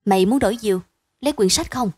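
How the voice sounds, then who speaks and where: A woman voicing a pushy, boastful village boy in a bedtime story, loud and insistent. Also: mid-range voice, fast, slightly rough, no echo, natural voice.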